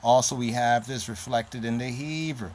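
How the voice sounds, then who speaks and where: A man's voice: mid-range voice, normal speed, a little mellow, slight background noise. A man giving an informal lesson on an alphabet, naming the letters one by one, repeating sounds and often checking in with "right?". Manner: repetitive, spells out letters one at a time, frequent "right?". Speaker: teacher. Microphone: handheld camera.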